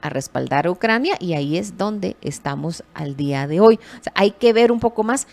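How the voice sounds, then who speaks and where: Lively woman giving news commentary. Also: on the low side, normal speed, gravelly. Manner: lively, animated emphasis with self-corrections.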